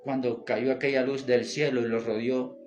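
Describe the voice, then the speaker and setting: A man's voice: medium pitch, flat delivery, moderate pace, darkish tone, highs cut off. Fervent preacher man over music. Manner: fervent, repeats "mi hermano", quotes scripture. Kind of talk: sermon. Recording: music playing behind.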